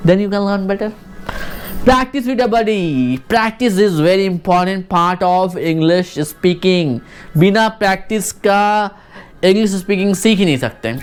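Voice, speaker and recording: A pronunciation teacher giving an online video lesson, repeating sounds many times in a slow, deliberate demonstration and coaching the viewer with questions. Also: medium pitch, clean tone.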